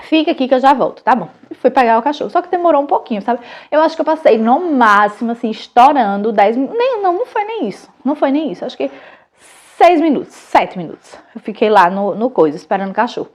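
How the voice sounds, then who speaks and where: Chatty Brazilian mom telling a story. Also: female voice, fairly high pitch, quick pace. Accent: Brazilian Portuguese. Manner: animated and chatty, with many restarts. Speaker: mother and channel host. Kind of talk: casual storytelling.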